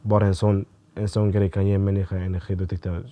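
A man's voice: deep voice, flat delivery, highs cut off. A young man, a podcast guest, telling a personal story in a casual interview and acting out his own thoughts as he goes.

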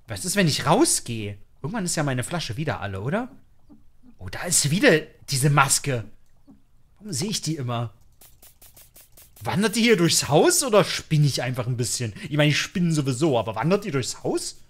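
A man narrates his run through a horror game for his viewers, cracking jokes and reacting loudly to every scare. His pitch jumps around constantly, full of life and quick exclamations. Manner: joking, excitable, talks to viewers. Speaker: gaming YouTuber. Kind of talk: let's play commentary.

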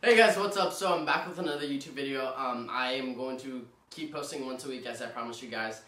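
A young man hosting a casual game video with a friend, joking and teasing, quick to laugh. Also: mid-range voice, fairly even intonation, very noisy. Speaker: vlogger host. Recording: roomy and distant mic.

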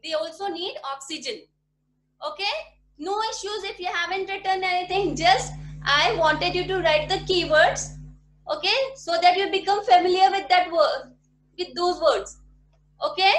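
A primary school teacher from India teaches an online class from a small room at home, patiently repeating questions to make sure her pupils follow. Her very high voice moves at normal speed, picked up by a laptop webcam mic at her desk, with slight hiss or hum and echoey video-call room audio.

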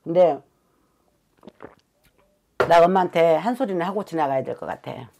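A woman's voice: lowish voice, expressive, moderate pace, creaky, background noise. A woman from South Jeolla working as a fortune teller, giving a blunt, emphatic reading with some swearing and repeated "right?" checks. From Suncheon, South Jeolla, Korea. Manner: blunt and emphatic, swears, keeps pressing for agreement. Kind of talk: fortune-telling consultation.

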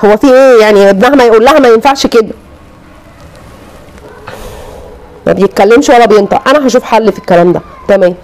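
A woman's voice: fairly high pitch, very fast, a little mellow, natural voice. A woman voicing an irritable, complaining pregnant young wife with an Egyptian Arabic accent in a cartoon. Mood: fuming. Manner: complaining, exasperated.

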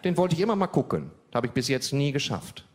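Male comedian doing a sharp-tongued girlfriend, high and indignant. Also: very animated, brisk. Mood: demanding. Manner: indignant, snippy. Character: irritated girlfriend, sharp-tongued adult woman.

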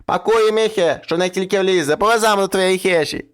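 A man's voice: sits high, fairly quick, clean tone, lightly acted. A man voicing a wheedling old iron-nosed witch in a storybook folk tale, her voice coaxing and raised.

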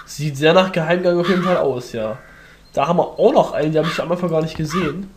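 A man's voice: a little high, fast talker, slight background noise. A man hosting a let's play with casual commentary, thinking aloud in fragments.

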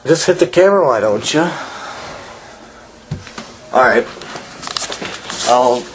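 A man's voice: mid-range voice, expressive, takes it slowly, noisy background. A man talking casually to his viewers in a home vlog, upbeat and chatty, calling them guys. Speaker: vlogger. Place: family home on a holiday.

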